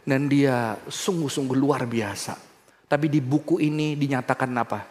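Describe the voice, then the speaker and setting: A pastor delivers a sermon at normal speed, shifting between soft, low passages and loud, high, emphatic bursts. He speaks straight to the congregation, and the sound has a big-room quality.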